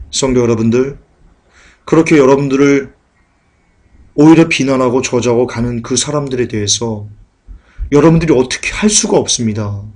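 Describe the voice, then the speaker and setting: A man preaching a sermon in dramatic style, acting out mocking crowds and loud shouted warnings. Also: medium pitch. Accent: Korean.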